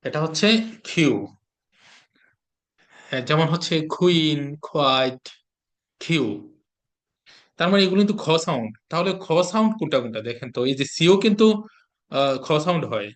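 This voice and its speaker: Man drilling English sounds, slightly high. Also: lively intonation. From Bangladesh. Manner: repeats sounds slowly, drills examples. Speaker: English pronunciation teacher. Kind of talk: online class lesson. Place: online class.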